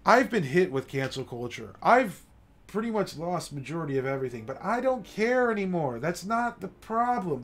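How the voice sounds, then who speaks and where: On a late-night stream, a man speaking at a somewhat raised pitch holds forth passionately and emphatically, frequently stopping to check in with a sharp "okay?". Quiet classical music sits faintly in the background.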